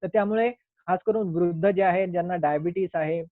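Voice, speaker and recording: A man's voice: high-pitched, fairly quick, no room sound. A man who is a doctor giving an earnest, explanatory health talk, now and then acting out little quoted scenes. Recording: tinny phone-like line.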